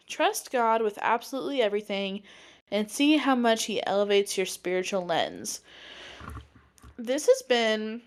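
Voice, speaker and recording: A young woman in her twenties hosts her own podcast in a loose, rambling way, stringing thoughts together with lots of filler words. Her voice sits a little on the high side for a woman. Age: 20s. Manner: chatty, rambling, many fillers of like. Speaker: podcast host; teacher. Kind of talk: casual solo podcast monologue.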